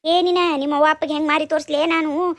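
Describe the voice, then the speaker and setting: A woman voicing a furious, scolding middle-aged aunt in a cartoon, speaking with a North Karnataka Kannada accent in a shrill, threatening way. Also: little pitch movement, fast talker, no room sound, natural voice. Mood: angry scolding. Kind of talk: cartoon dubbing.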